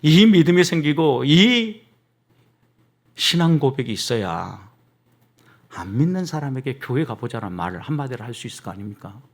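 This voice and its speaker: Preaching at a normal speed in a mid-range, very animated voice, a middle-aged pastor shifts from quiet asides to forceful climaxes and frequently addresses his congregation directly.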